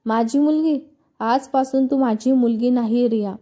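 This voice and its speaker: A woman's voice: fairly high pitch, fairly even intonation, normal speed, dark tone, lightly acted. A woman voicing an angry, tearful mother who disowns her daughter, in a storybook reading. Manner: harsh, tearful.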